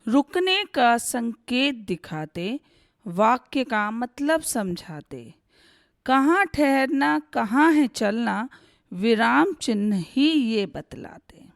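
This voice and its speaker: A woman Hindi teacher giving a slow, deliberate grammar lesson, recorded close to the mic. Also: fairly high pitch, big pitch swings, gravelly, no echo.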